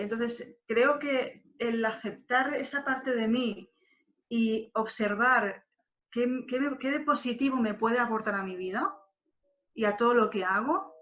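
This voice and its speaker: A woman guest on a podcast talks reflectively about herself, often pausing to find her words. Her voice sits a little high. The audio is slightly muffled and lo-fi. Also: a bit bright. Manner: thoughtful, hesitant, many fillers. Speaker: interview guest, wedding planner. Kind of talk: reflective conversation.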